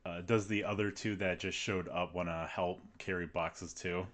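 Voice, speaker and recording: Deep, bright-toned man running a tabletop game, steady scene narration on a shared mic. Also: normal speed. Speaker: game master. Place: shared room with the players. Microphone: one shared mic.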